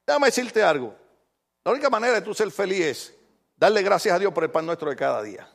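A man preaching a sermon in church as pastor, animated, firing questions at the congregation and acting out the voices he quotes. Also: sits high, fast, gravelly.

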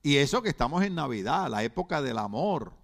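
A man's voice: medium pitch, big pitch swings, a little fast, a bit bright. A middle-aged Puerto Rican man preaching a sermon, throwing rhetorical questions at the congregation with humorous asides. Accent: Puerto Rican Spanish. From Puerto Rico. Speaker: pastor.

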